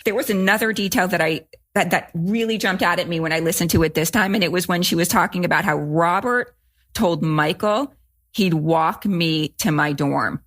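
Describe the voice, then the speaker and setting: Low-voiced emphatic woman co-host. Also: fairly quick. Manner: animated, emphatic, restarts sentences. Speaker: podcast co-host. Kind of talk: casual discussion of a student's story.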